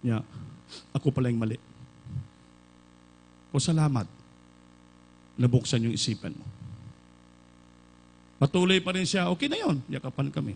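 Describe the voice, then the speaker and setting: A man from the Philippines delivers a sermon, moving from an anecdote into loud, fervent calls to his listeners. His voice sits a little high for a man, and he switches into English phrases now and then. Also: expressive, normal speed, gravelly, long pauses, a little hiss or hum, poor audio. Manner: storytelling, building to loud fervent exhortation; mixes English phrases into Filipino preaching. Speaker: preacher.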